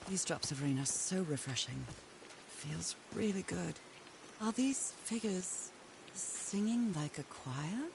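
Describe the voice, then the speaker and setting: An actress voicing a curious young woman explorer in a game, with a thoughtful, quietly wondering way of talking. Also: on the low side, animated, slow, gravelly, background noise, full character voice. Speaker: game protagonist.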